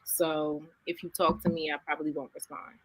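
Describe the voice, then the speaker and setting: A woman's voice: deep voice, flat delivery, a little fast, a bit bright, breathy edge, rough recording. A young woman talks casually as a podcast guest. She is playful and blunt and laughs easily as she speaks.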